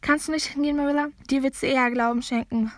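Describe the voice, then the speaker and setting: A woman's voice: sits high, fairly even intonation, fast talker, dry recording, close to an everyday voice. A woman reading as a tearful, dramatic orphan girl. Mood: plaintive. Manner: plaintive, theatrical lament.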